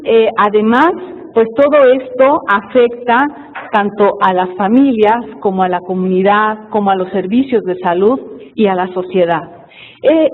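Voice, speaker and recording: A woman from Chiapas, giving an earnest, explanatory conference presentation. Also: mid-range voice. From Mexico, Chiapas. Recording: tinny, with long hall reverb.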